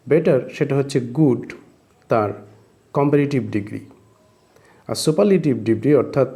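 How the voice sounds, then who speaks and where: A man teaching spoken English, explaining grammar slowly and repeating each phrase word by word. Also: mid-range voice, dark tone.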